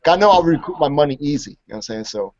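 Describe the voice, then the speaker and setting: A man hosting a college radio interview, relaxed and joking, always saying "you know what I'm saying". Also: on the high side, racing. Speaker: radio show host. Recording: dull lo-fi radio recording.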